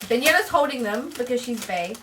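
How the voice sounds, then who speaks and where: A woman's voice: on the high side, expressive, fairly quick, pushed and bright. A young woman chatting casually and jokingly in a friends' vlog. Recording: noisy, distant microphone.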